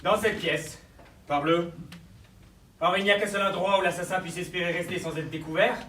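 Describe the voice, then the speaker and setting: An actor playing a sardonic, forceful man with an investigator's insistence in a stage play. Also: high-pitched, steady tone, normal speed. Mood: insistent. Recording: echoey stage, distant mic, faint noise.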